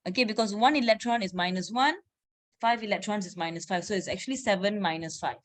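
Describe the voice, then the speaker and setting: A woman chemistry teacher running an online revision class, quizzing students briskly and saying "okay" often. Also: mid-range voice.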